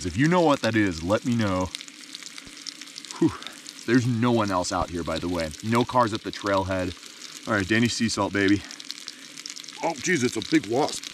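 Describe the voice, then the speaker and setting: A man in his thirties with a deep, low voice talks to his camera while camping alone by a mountain lake at night. He chats casually and gets excited easily. A faint hiss of outdoor night air sits behind him. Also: moderate pace, long pauses, recorded from a distance. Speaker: fishing vlogger. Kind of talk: casual solo outdoor vlog. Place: dark forest lakeshore at night, outdoors.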